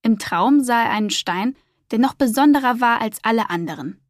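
Female children's storyteller, gentle and expressive, fairly high voice, dry sound. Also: normal speed, no echo. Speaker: storyteller, podcast host.

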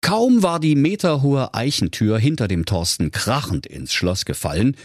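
Animated male fairy-tale storyteller. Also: on the low side, normal speed, no room sound, clean studio sound. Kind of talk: comic fairy-tale narration for children.

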